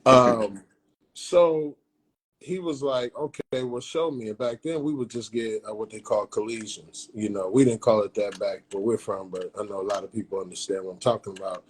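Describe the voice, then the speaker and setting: A man, telling stories casually in a slangy, animated way. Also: on the low side, moderate pace, low-quality recording. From Peoria, Illinois, USA. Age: 50s. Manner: animated retelling with acted-out dialogue, slangy. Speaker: barber telling his story. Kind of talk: casual storytelling in an interview.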